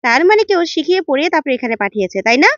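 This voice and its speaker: A woman's voice: high voice, big pitch swings, racing, a bit bright, no room sound. A woman voicing a sceptical man who questions others pointedly, in a dull, dry recording.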